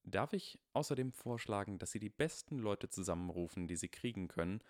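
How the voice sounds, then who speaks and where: A man voicing a precocious, earnest young boy who reasons carefully and deliberately, as in an audiobook. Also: on the low side, animated, no echo, clean studio sound, natural voice. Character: precocious earnest eleven-year-old boy wizard.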